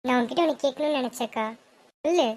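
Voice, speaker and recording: A woman's voice: sits high, fast talker, darkish tone, slight background noise, lightly acted. A woman playing a curious, eager teenage younger sister who coaxes and pesters.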